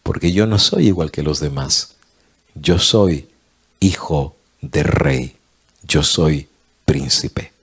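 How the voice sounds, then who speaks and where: A man's voice: low voice, animated, breathy edge, voice pushed down, exaggerated voice. A man voicing a solemn, dignified young prince. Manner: slow, solemn, soft. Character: dignified twelve-year-old prince, calm.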